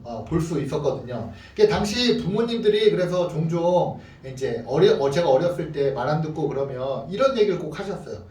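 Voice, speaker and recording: A man's voice: high-pitched, echoey room, far from the mic. A middle-aged man from Korea preaching a sermon as a pastor, telling stories and asking the congregation questions. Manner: animated storytelling, asks the congregation questions.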